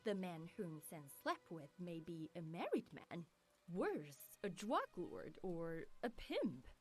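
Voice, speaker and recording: A woman's voice: fairly low pitch, wildly swooping pitch, slow pace, soft background music, full character voice. A woman voicing a cold, scheming middle-aged stepmother who speaks with disdain. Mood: disdainful. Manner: cool, disdainful.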